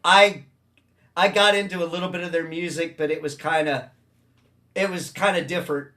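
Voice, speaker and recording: A man hosting a casual late-night talk stream in a relaxed way, reading out viewer comments. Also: a little high, normal speed. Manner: relaxed, reads viewer chat aloud. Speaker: host.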